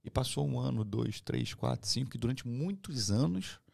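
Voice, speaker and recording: Creaky-voiced Brazilian man telling his story. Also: medium pitch, moderate pace. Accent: Brazilian Portuguese. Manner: animated, acts out quoted dialogue. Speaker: guest, teacher. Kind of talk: personal testimony storytelling.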